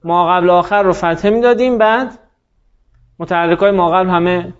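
High-voiced male teacher, lo-fi classroom. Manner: explains step by step, quizzes students by name. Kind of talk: classroom lecture.

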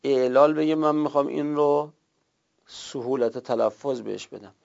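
Gravelly-voiced man teaching a lesson. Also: medium pitch, a little mellow. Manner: explanatory, repeats and rephrases rules for students. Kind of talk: lecture on Arabic verb morphology. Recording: lo-fi muffled recording.

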